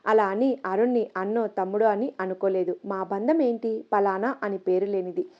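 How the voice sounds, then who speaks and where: A woman narrating a first-person story in a soft, steady reading voice. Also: mid-range voice, normal speed. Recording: slightly dull lo-fi audio.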